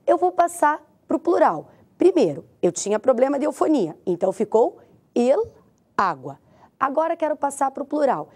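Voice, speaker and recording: Brazilian woman teacher, lively intonation, patient and direct with the viewer. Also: sits high, normal speed. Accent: Brazilian Portuguese. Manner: patient, explanatory, addresses the viewer directly with rhetorical questions. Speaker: Spanish teacher. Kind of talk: recorded classroom lesson.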